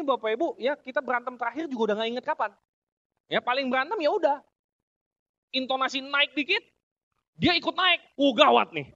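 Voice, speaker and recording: A middle-aged man from Indonesia giving a motivational business talk, his voice sitting high as he jokes with the crowd and chuckles at his own lines. The recording is dry and a little dull, with a lo-fi edge. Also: sharp tone, no room sound. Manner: addresses audience as "Bapak Ibu sekalian". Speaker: business seminar speaker.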